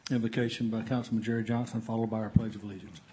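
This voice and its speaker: A man chairing a city council meeting as mayor, running through the procedure in a brisk, matter-of-fact way. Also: fairly low pitch, flat delivery, background noise.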